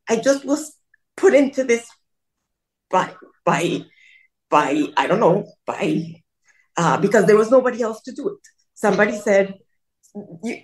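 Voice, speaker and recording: A Colombian interview guest, a middle-aged woman, relates her story on a video call in a rambling, casual way full of restarts and self-deprecating comments. She has a mid-range, darkish voice, and the recording is rough.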